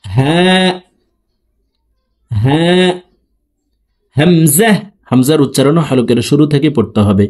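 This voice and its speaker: A man teaching letter pronunciation, explaining each sound slowly and then chanting it with long drawn-out vowels. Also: medium pitch, dark tone, husky. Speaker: Quran reading teacher.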